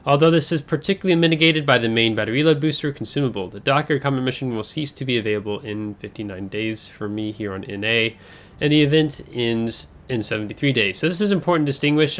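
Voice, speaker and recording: A man with a slightly congested, stuffy voice hosts a casual game overview from a desk microphone at home. He talks in a chatty, rambling way, full of fillers and quick self-corrections. His pitch sits in the middle range for a man. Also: fairly bright tone. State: congested from air travel. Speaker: gaming channel host.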